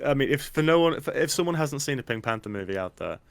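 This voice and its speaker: A man's voice: mid-range voice, animated, fast talker, vocal fry, clean tone, no room sound. A man co-hosting a film podcast, chatting casually and enthusiastically about a comedy. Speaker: podcast co-host.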